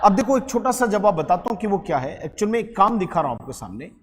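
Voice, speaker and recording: A man teaching an English grammar lesson to a class, lively and quizzing his students with repeated questions. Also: high voice, fast, big-room sound. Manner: lively, quizzing students, calls them beta.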